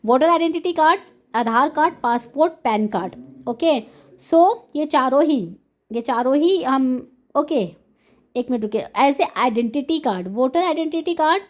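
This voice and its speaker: A woman teacher running through exam questions, reading the English slowly and explaining in Hindi mixed with English, often checking in with her students. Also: high-pitched, expressive. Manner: checks in with "है ना?" and "okay". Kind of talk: exam-prep lesson.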